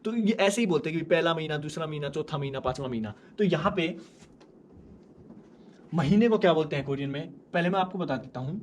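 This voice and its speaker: A man teaching a language lesson in a casual way, slowly repeating words so learners can follow. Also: on the high side, expressive, slight background noise.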